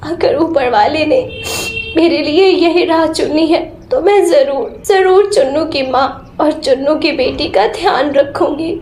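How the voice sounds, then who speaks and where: A woman's voice: sits high, a little slow, darkish tone, slight background noise. A woman voicing a young sparrow widow who speaks through tears but stays brave, in a storybook tale. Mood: resolute. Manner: tearful, sobbing. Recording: roomy echo.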